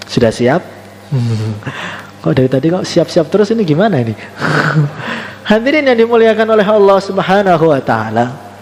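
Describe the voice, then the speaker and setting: A man with a Javanese Indonesian accent preaching a storytelling sermon to a congregation, swinging between high exclamations and low murmured asides, and sometimes chanting short devotional phrases. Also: sing-song, normal speed, a little mellow, in a large hall, a little hiss or hum.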